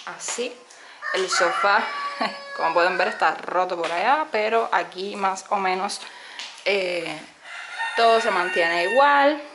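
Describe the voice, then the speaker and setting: A woman's voice: medium pitch, takes it slowly, long pauses, noisy background. Cuban woman chatting on a house tour. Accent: Cuban Spanish. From Cuba. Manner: chatty, many "eh" fillers, addresses viewers directly. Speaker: vlogger giving a house tour. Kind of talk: casual house-tour narration. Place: small home, indoors. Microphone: handheld phone camera, speaking from behind it.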